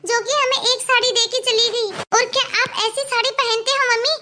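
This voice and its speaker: A woman's voice: extremely high pitch, fairly even intonation, normal speed, pushed and bright. A woman voicing an outspoken young girl who speaks up earnestly for her mother in a cartoon. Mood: comforting. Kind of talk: cartoon voice acting.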